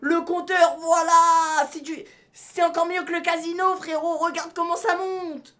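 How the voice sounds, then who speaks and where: A young man streaming live from his studio, talking to his chat in slangy, excitable bursts and shouting when things go wrong. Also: very high-pitched, measured pace.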